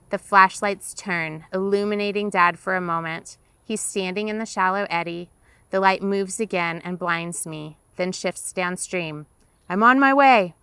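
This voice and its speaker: Woman author reading her own novel, lower-pitched and bright, in a dry, close sound. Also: clean tone, no echo. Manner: first-person present-tense narration, tense and vivid.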